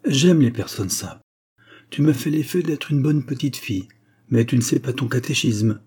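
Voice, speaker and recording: A man's voice: medium pitch, lively intonation, moderate pace, husky. A man doing a sly whispering devil. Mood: coaxing. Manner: soft, partly whispered, wheedling. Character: sly hairy horned male devil, coaxing. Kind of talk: storybook reading.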